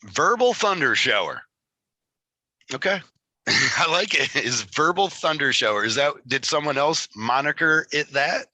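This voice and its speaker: Michigan guy w great lakes accent chatting as host, super bright forceful voice, kinda rambly and apologetic. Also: fairly high pitch, expressive, unhurried, no room sound. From Michigan, United States. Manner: rambling, self-deprecating, apologetic. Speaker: interview host. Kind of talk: casual chat interview.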